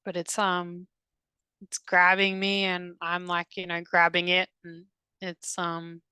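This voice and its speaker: A woman recounting a past-life regression under hypnosis, halting and hesitant, with many restarts, in a soft, subdued voice. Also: on the low side, completely flat delivery, smooth, no room sound, poor audio. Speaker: hypnosis client.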